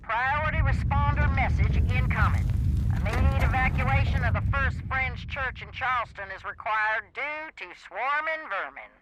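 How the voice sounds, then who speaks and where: An official emergency announcer whose warning comes through a loudspeaker as a game radio broadcast. The male voice sits unusually high. The broadcast sounds dull and muffled, with a thin layer of hiss underneath. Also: moderate pace. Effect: emergency radio broadcast over a loudspeaker. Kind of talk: scripted public announcement.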